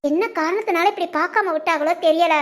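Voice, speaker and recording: A woman playing a caring village wife who speaks gently and coaxingly. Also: extremely high pitch, fast talker.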